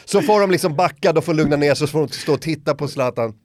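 A middle-aged man chatting casually, telling a funny story and acting out the voices of others. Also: on the high side. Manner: animated storyteller who acts out other people's lines. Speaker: podcast guest. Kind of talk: casual chat, anecdote.

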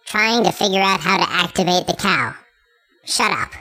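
A woman's voice: fairly low pitch, moderate pace, pushed and bright. A performer voicing a foul-mouthed, bossy male marmot who talks bluntly in an audio story. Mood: irritated.

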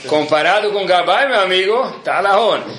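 Animated man telling a religious story. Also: high voice, normal speed, roomy sound. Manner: animated storyteller, mixes in Hebrew prayer terms.

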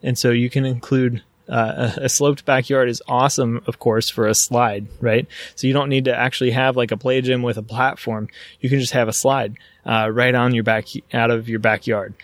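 A man hosting a podcast alone, talking with excitement and rambling a little, with many fillers. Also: medium pitch, normal speed, hardly any pauses, no echo. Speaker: podcast host. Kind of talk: casual solo podcast talk.

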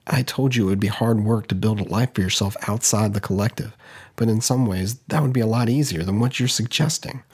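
A male narrator voicing a calm, caring man who gently reasons with a friend. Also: fairly low pitch, a little fast, slightly rough. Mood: earnest.

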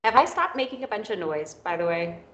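A woman's voice: mid-range voice, sing-song, fairly quick, a bit bright, a little hiss or hum. A woman on a voice call playing a tabletop game, teasing and playful, her headset voice coming back with an echo. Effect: echoing mic feedback, heard back. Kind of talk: casual chat over voice call. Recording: roomy echo on the voice.

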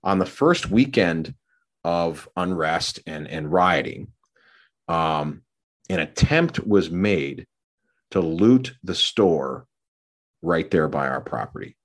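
A middle-aged man tells a rambling story on his podcast, stopping for fillers and restarting his sentences. His voice sits very low. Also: lively intonation, slow pace. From Minneapolis area. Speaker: podcast co-host. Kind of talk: casual storytelling.

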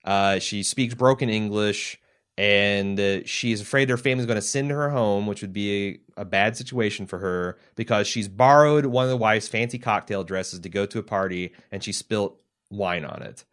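A man's voice: lowish voice, normal speed, fairly bright tone, smooth. A man co-hosting a podcast, reading listener mail and retelling a TV scene in casual, conversational chat. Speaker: podcast co-host.

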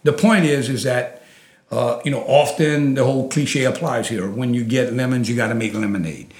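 A man's voice: mid-range voice, normal speed, a little mellow. A man speaks in a thick Louisiana Cajun accent, with a mid-range voice in a roomy, echoing space. He explains persuasively, as an interview guest would, and leans on repeated phrases to drive points home. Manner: emphatic, repeats phrases for weight. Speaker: interview guest, oil industry advocate.

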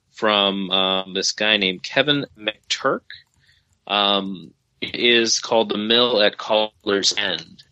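Bright-voiced man rambling on a podcast. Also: on the low side, no echo. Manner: rambling, many fillers and restarts. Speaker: podcast co-host. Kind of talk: casual chat. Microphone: remote call.

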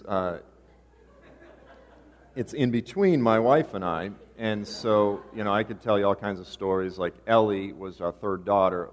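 Pastor with a low voice in a reverberant church. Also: male voice. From Boston area. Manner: casual, joking asides. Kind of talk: sermon. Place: church sanctuary.

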